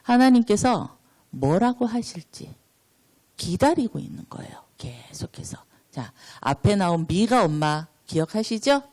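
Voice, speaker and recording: A woman's voice: mid-range voice, expressive, unhurried, a little mellow. A woman preaching an interactive sermon, asking the congregation questions and then answering them.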